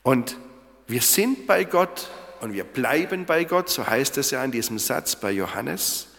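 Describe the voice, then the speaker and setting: A man's voice: mid-range voice, lively intonation, a little slow, vocal fry, a bit bright. A man preaching a sermon on a Bible verse, talking in a conversational way and asking his listeners questions. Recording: long hall reverb.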